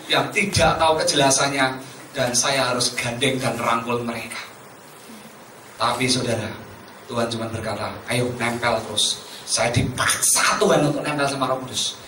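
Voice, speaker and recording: A man's voice: mid-range voice, sharp tone. A man preaching a sermon, telling a testimony story and calling his listeners "saudara" again and again. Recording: echoey room from far off, faint noise.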